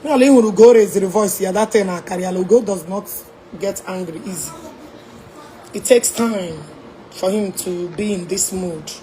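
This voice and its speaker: A Nigerian woman with an Igbo-tinged accent chatting on a casual livestream from a hotel room, animated and laughing, mixing English and Igbo. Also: mid-range voice, measured pace. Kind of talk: casual live-stream chat.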